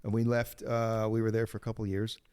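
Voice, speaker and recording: A man's voice: fairly low pitch, monotone, a little fast, darkish tone, clean tone. A man in his fifties, born in Greece and raised in Cincinnati, telling his life story as a podcast guest, rambling with many restarts. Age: 50s. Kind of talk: casual storytelling interview.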